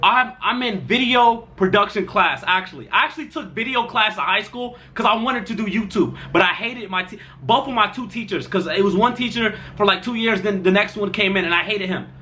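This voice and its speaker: A young man tells a rambling storytime tale in a loose, slang-heavy way. His voice sits high and sounds bright and lively. He keeps circling back with fillers as he goes. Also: a little fast, hardly any pauses, slight background noise. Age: young adult. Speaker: storytime vlogger. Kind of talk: casual storytime.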